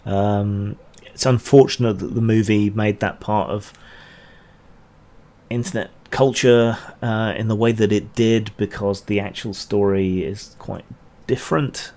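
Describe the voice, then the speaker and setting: Low-voiced man rambling on stream. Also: fairly even intonation, a little slow, darkish tone. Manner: rambling, hesitant with many ums, dry asides. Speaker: channel host answering chat questions. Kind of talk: casual livestream Q&A.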